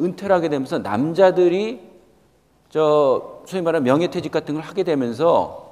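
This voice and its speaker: A company executive in his fifties from South Korea gives a motivational guest lecture to students, speaking emphatically, questioning listeners directly and repeating key points. His voice is a little high with a darkish tone, and the recording has a reverberant hall sound.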